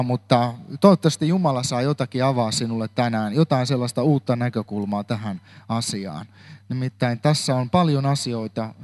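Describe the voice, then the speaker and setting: A man's voice: mid-range voice, darkish tone. A man giving a Bible talk, reading a long scripture passage aloud with occasional slips and self-corrections. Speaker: preacher.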